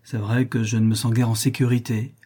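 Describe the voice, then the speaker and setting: A man's voice: medium pitch, flat delivery, a little fast, mellow, breathy edge, natural voice. Grumbling young son in a storybook, voiced by a man. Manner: sour, grumbling. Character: sour, complaining young son.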